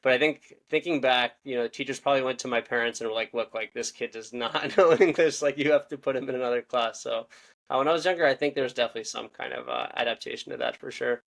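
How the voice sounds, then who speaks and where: A young Israeli man in his twenties, whose first language is Russian, talks as a podcast guest in a casual interview. He speaks fast, rambling and correcting himself along the way. His voice sits at a medium pitch, slightly bright, with some vocal fry.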